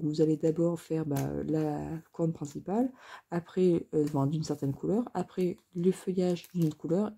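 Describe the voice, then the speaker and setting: A woman's voice: on the low side, warm tone, a little hiss or hum. A woman chatting casually and rambling through a crafting haul, with many fillers and self-mocking asides. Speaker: crafting vlogger.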